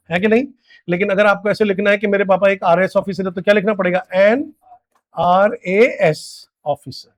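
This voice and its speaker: Male teacher, high voice, lecture delivery that keeps quizzing the class. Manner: drills students with repeated questions, very high-pitched. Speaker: English grammar teacher.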